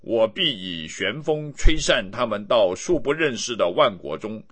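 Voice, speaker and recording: Guy reading scripture out loud, lowish voice but bright, lots of lift and fall. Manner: steady, measured reading. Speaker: Bible reader.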